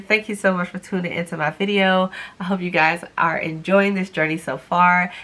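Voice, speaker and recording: A woman's voice: on the low side, sharp tone. A young adult woman chatting to camera in a casual vlog update, upbeat and encouraging, with a stuffy nose. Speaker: vlogger.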